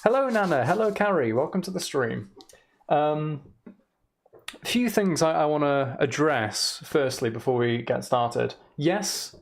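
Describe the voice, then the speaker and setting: Creaky young man streaming in an echoing room. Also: a little high. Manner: rambling, chatty. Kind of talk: casual livestream chat. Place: emptied room in a house, indoors. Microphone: microphone attached to a shelf.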